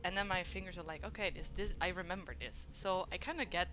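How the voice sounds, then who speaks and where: A woman streamer hosting a live interview, gushing and excitable with lots of fillers. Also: on the low side, fast, muffled recording. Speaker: streamer, host. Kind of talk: livestream interview chat. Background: game music.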